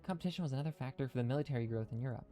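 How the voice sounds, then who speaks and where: A man's voice: medium pitch, racing, dark tone, faint music behind. A man live-streaming a video game, thinking aloud through his moves and chatting with viewers, with his speech a little hindered by dental retainers. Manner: thinking aloud, chatty, reads chat comments. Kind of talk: casual live-stream commentary.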